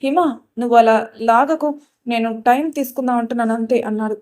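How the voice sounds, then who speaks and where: A woman voicing an evasive young man who calmly asks for more time. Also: fairly high pitch, a little fast, natural voice. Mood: placating. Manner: calm, placating.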